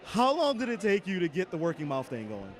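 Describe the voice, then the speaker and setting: Playful, high, lively male convention host. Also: brisk. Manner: playful, teasing, announcer-like delivery. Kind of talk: casual interview chat. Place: outdoors at a fan convention.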